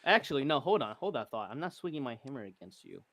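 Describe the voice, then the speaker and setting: A man playing a tabletop game in casual chat, thinking out loud and second-guessing himself. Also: medium pitch, sing-song, fast, dry recording. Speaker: player in an online tabletop battle.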